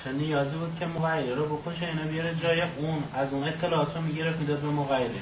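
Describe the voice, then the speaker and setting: A man's voice: a little high, level tone, background noise. A man in the audience, heard from far off, raising objections and asking questions of the lecturer. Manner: objecting, quick interjections. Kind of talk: debating from the floor. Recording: faint voice from far off amid a crowd.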